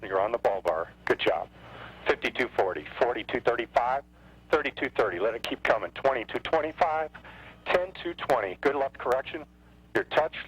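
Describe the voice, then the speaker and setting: A man calmly calling out terse numbers and checks over cockpit headset intercom audio. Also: mid-range voice, normal speed, breathy edge, rough recording. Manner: clipped, calm, counting numbers. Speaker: shuttle crew member calling out landing. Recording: cockpit intercom playback, faint noise.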